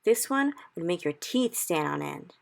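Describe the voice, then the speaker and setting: Lady doing a big friendly giant from a storybook, mixes up his grammar, yells made-up words, gravelly voice. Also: fairly low pitch, sing-song, unhurried, heavily acted. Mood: earnest. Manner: ungrammatical made-up words, loud anguished exclamations.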